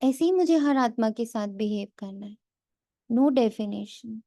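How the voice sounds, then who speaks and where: A woman giving a slow, earnest spiritual talk, mixing English phrases into Hindi. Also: fairly high pitch, expressive, warm tone, no room sound, clean studio sound. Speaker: spiritual speaker.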